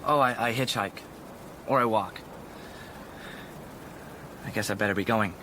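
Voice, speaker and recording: Pitched on the low side and a little slow, a man's natural-sounding voice plays an awkward, guarded teen in a radio drama. The American-accented performance is polite, hesitant and deferential, with noticeable noise in the background.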